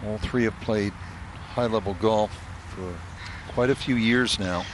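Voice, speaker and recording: Lowish male lead golf commentator outdoors. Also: unhurried. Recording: clear outdoor noise behind the voice.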